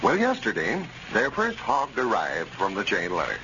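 Old time radio announcer guy, folksy pitchman, really swoopy delivery, dull old broadcast sound. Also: huge pitch swings, moderate pace. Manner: folksy, emphatic salesmanship. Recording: noisy, band-limited vintage radio recording.

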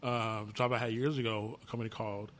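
Podcast co-host, male, bright tone, profane storyteller, faint noise behind. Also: lowish voice, little pitch movement, fast. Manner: storytelling, swears freely, laughs while telling. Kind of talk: casual chat.

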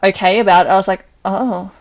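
A woman's voice: mid-range voice, brisk, dull audio. Chatty Australian woman, filler-heavy. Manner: chatty, lots of "like" fillers, laughs often. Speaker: podcast co-host, teacher. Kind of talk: casual chat.

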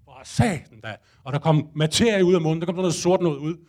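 A man's voice: a little high, darkish tone. A man telling a comic first-person story to a live audience, acting out his own panic and thoughts with casual swearing.

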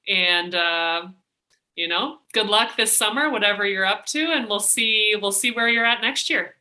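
A woman's voice: mid-range voice, moderate pace, bright, forceful tone. A woman from Minnesota hosting a podcast, chatting casually and laughing easily. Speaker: podcast host. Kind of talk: casual interview and outro.

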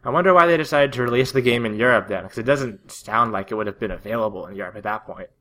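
A man's voice: fairly low pitch, fast talker, a bit bright. A man co-hosting a casual podcast, joking wryly and asking questions. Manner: wry, joking, asks questions. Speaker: podcast co-host.

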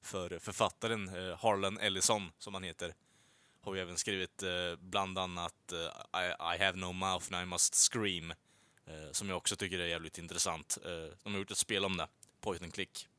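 Male co-host, rambling, hesitant, casual swearing, bright sharp tone. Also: deep voice, level tone, no echo. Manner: rambling, many filler sounds, swears casually. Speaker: podcast co-host reviewing films and music. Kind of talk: casual chat.

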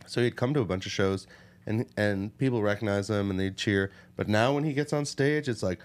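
A man's voice: on the low side, brisk. A man hosting a podcast, chatting casually and acting out the people in his stories. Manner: animated storyteller, acts out quoted people. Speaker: podcast host. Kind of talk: casual chat.

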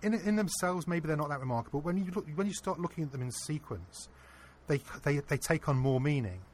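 A man being interviewed, earnestly telling a personal anecdote in a casual, animated way. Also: on the high side, fairly quick, a little hiss or hum. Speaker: interview guest. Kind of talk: casual storytelling.

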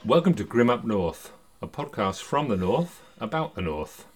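A man's voice: on the low side, sing-song, normal speed, faint music behind. An older man hosting a podcast, introducing it and talking conversationally in a studio. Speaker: podcast host.

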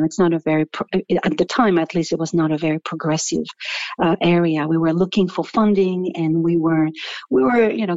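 French-accented woman, low voice, dry. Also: darkish tone, dry recording, lo-fi sound. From France. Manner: thoughtful, rambling with restarts. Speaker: guest, business founder. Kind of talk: interview answers.

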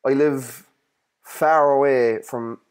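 A man's voice: mid-range voice, steady tone, slow, smooth. A man with a North Kerry Irish accent hosting a music podcast, talking casually with irreverent, sweary slang. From North Kerry, Ireland. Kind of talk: casual solo podcast talk.

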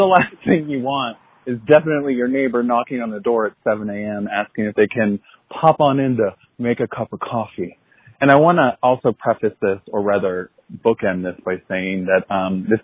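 A man's voice: medium pitch, husky, no room sound. A man from Florida leaving a chatty, rambling voicemail over a landline phone, with small self-deprecating laughs. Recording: tinny phone-line voicemail.

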